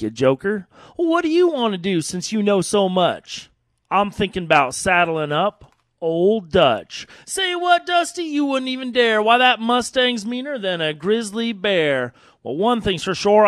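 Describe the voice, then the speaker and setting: High-voiced American man with a cowboy drawl. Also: fairly bright tone, dry recording, studio quality. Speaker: cowboy poet, radio guest in a cowboy persona. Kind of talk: animated cowboy storytelling and folksy radio chat. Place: radio studio.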